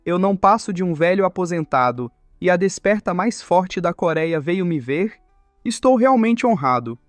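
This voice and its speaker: A man's voice: sits high, animated, normal speed, no echo, studio quality, faint music behind. A man playing a courteous, formal retired old school director.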